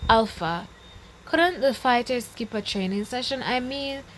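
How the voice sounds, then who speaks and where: A woman's voice: a little high, measured pace, slight background noise, voice pushed up, close to an everyday voice, rough recording. A woman voicing a worried middle-aged father pleading for help in a storybook reading. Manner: sorrowful, pleading.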